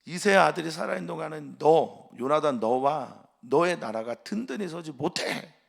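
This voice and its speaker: A man voicing a furious aging king who scolds his son with accusing, shouted rhetorical questions. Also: mid-range voice, lively intonation, moderate pace, gravelly, husky, exaggerated voice.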